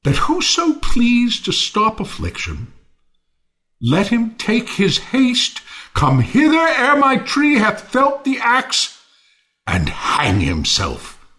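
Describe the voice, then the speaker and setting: An actor playing Timon, a bitter, world-weary misanthrope, theatrically mournful and ranting in a Shakespearean audio play. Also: male voice, very high-pitched, huge pitch swings, slow pace, exaggerated voice. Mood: mock-kindly, bitter. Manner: theatrical, swinging from quiet to declaiming.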